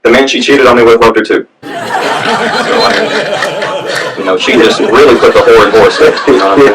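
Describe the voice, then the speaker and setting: A man from the American South doing a stand-up set, telling stories in a deadpan way. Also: medium pitch, moderate pace. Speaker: stand-up comic. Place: comedy club stage with audience. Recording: distant mic, loud crowd.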